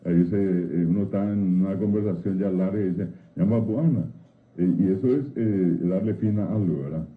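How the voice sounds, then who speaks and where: A man patiently explains similar-sounding words on a radio talk show, filling pauses with many "eh"s. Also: low voice, reverberant. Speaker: Guarani language expert guest. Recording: tinny phone-like radio audio.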